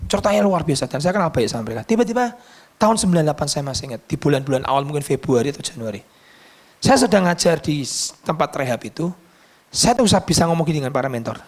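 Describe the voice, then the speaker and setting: A man preaching a sermon as pastor, telling stories in an animated, emphatic way. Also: a little high, quick pace.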